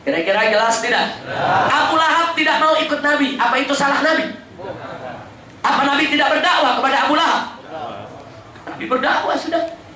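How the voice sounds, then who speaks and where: A man preaching a sermon, telling stories in a lively way and often addressing the crowd directly. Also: very high-pitched, fairly quick, long pauses. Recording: echoey hall, distant mic.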